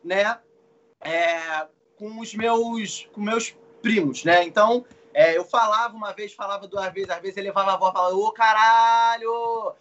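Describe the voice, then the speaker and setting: A man's voice: high-pitched, normal speed, lo-fi sound. A young man, a guest actor telling a funny personal story in casual chat, acting out the voices he quotes. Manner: animated, acts out quoted voices, swears. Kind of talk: casual storytelling on a live show.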